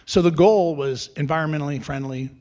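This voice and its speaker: A middle-aged man, an entrepreneur guest, telling his business story at a live event in a lively, conversational way, often restarting and acting out quoted dialogue. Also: on the high side, fairly quick.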